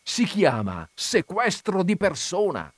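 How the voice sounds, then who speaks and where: A calm middle-aged lawyer speaks slowly and patiently, as a man reads him. His tone rises and falls as he explains. The recording is dry and close. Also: high voice, no echo, pitched above the performer's own voice, heavily acted. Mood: measured.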